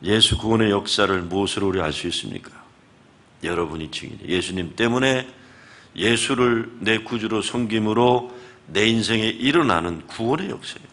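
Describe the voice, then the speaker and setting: A man's voice: lowish voice, normal speed. A man in his fifties, a guest pastor, preaching a revival sermon and acting out the conversations in his stories. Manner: animated storytelling, acting out conversations. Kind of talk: revival sermon with retold dialogue. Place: church sanctuary.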